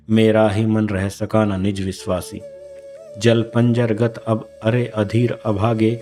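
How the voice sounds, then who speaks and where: A proud queen mother full of repentance, voiced by a man reciting a poem, speaks in solemn, measured verse. The voice sits low and dark, with a flat, unhurried delivery. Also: natural voice.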